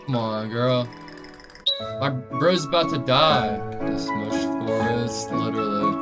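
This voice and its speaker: A man's voice: mid-range voice, slow pace, loud music behind the voice. A man casually reacting to a video as a streamer, with slangy, joking, swearing asides.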